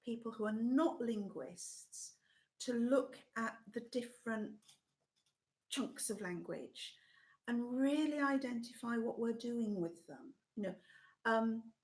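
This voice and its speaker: A middle-aged woman trainer, losing her voice and coughing, talking thoughtfully with many pauses on a video call. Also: on the high side, vocal fry, darkish tone. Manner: thoughtful, pausing with many ums. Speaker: teacher trainer. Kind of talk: live online session talk.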